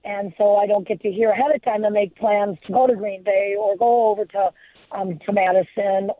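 A woman's voice: mid-range voice, fairly even intonation, normal speed, no room sound. A woman calling in to a radio show over a phone line, chatting eagerly with plenty of suggestions. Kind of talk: casual call-in chat. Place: in northern Wisconsin. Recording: narrow tinny phone line.

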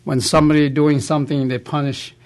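A middle-aged or older man giving his opinion haltingly, often saying "you know". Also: a little high, little pitch movement. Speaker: panel guest. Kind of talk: unscripted opinion in a discussion.

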